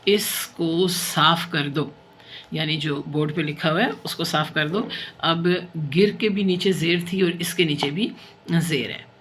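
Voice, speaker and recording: A woman teacher giving a reading lesson to young children, patient and explanatory, who reads example sentences slowly and carefully. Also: deep voice, fairly bright tone, a little hiss or hum. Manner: patient, explanatory, checks in often. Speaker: primary school teacher.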